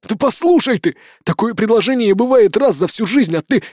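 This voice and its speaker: A tired, crafty old shaman hisses and wheedles his way through the scene, as a male narrator puts him on. His hoarse, fairly high voice sits close to the mic in a dry recording with no room sound. This is an audiobook character, scheming and pushy. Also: normal speed, a little mellow, no echo, lightly acted. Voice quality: hoarse, hissing. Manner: sullen, then pushy and wheedling.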